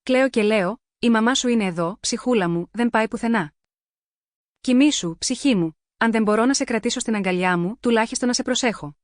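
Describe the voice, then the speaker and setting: A woman's voice: fairly high pitch, no room sound, clean studio sound, lightly acted. Woman voicing a grieving mother's lament. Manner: mournful, pleading lament. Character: grieving mother pleading to her dead child.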